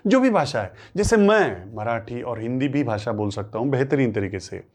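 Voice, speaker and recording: A man's voice: mid-range voice, lively intonation, moderate pace, a little mellow. A man whose first language is Marathi, teaching a spoken English lesson in Hindi. He asks questions, answers them himself, and repeats phrases for emphasis. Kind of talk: classroom-style lesson.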